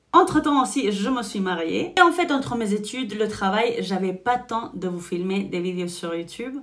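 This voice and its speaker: A young woman with a Spanish-influenced French accent, chatting casually through a makeup tutorial and dropping "en fait" often. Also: fairly high pitch. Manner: chatty, frequent "en fait" fillers. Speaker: beauty vlogger.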